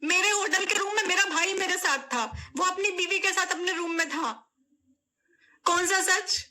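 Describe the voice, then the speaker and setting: Tearful, bright-voiced woman pleading. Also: very high voice, normal speed. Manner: pleading, repeats her phrases, voice breaking into tears. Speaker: vlogger. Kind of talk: emotional vlog statement to camera.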